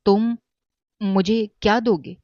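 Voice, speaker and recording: A man's voice: high-pitched, fairly even intonation, darkish tone, dry recording, pitched above the performer's own voice, natural voice. A man voicing a bitter, wronged young mother who speaks coldly and scornfully, in a dull, dry recording.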